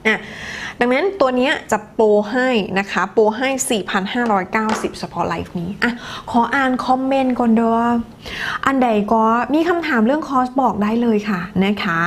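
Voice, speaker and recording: A woman's voice: a little high, moderate pace, slight background noise. A woman teacher with a Thai accent reads viewer comments during a live English lesson, chatty and laughing, moving between two languages.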